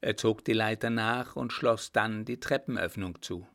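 A man narrating a period novel as an audiobook, with steady, even storytelling. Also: fairly low pitch, moderate pace.

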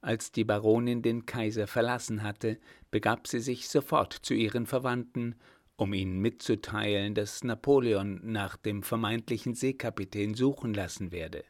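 A man's voice: lowish voice, fairly even intonation, normal speed, no echo, clean studio sound. Man reading a novel aloud. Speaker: audiobook reader. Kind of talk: scripted narration.

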